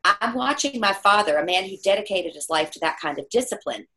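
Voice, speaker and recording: A woman's voice: medium pitch, brisk. A middle-aged woman telling a personal story in conversation, acting out the voices of the people she quotes. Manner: animated storyteller who acts out quoted voices.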